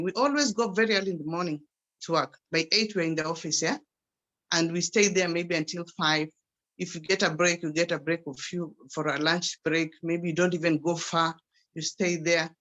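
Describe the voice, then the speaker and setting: Older Kenyan woman, grandmother, guest testimony on a video call, bright forward voice, chatty with restarts. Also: fairly low pitch. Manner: conversational, with frequent restarts. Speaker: guest speaker.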